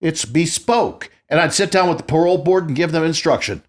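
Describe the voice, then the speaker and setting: A man's voice: on the high side, animated, brisk. Boastful man in his sixties. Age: 60s. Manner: boastful, profane storyteller. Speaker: podcast host. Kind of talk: casual podcast chat.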